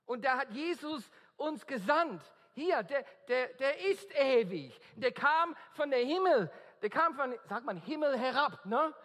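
An earnest Australian preacher, English his first language, gives an evangelistic sermon in German, occasionally stumbling and speaking with slow deliberation. His very high voice has lively intonation and a fairly bright tone, echoing through a large hall with lengthy reverb.

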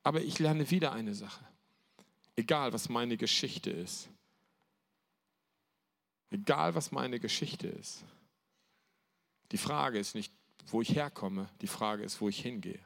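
A man's voice: medium pitch, takes it slowly, gravelly, pauses often, a bit bright. A man preaching a sermon to a church gathering, speaking emphatically and repeating key phrases.

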